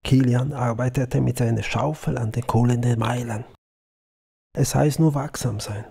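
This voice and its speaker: A man narrating an audiobook story in a calm, measured way. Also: medium pitch, vocal fry, breathy edge.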